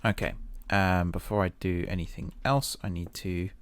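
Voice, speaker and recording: A man's voice: low-pitched, steady tone, normal speed, smooth, no room sound. A man giving casual gameplay commentary, thinking aloud and a little self-deprecating. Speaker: gaming video host.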